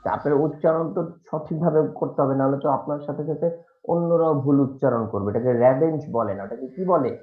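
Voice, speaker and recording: A man's voice: fairly high pitch, fast talker. A man teaching a live online class, correcting a student's pronunciation patiently with some fillers. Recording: dull, echoey room sound.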